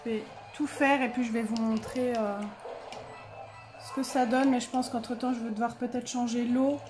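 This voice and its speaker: High-voiced chatty woman vlogger. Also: fairly even intonation, normal speed, music in the background. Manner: chatty, filler-heavy, self-correcting. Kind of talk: casual chat while swatching paints.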